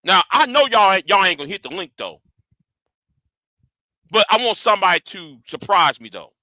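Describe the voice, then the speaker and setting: Very animated and talking at a normal speed, this high-voiced YouTube commentator fires off a confrontational, profane rant in his vlog. His hard, sharp delivery takes direct aim at critics and his audience, with repeated and restarted words along the way. The recording is dry and close-up.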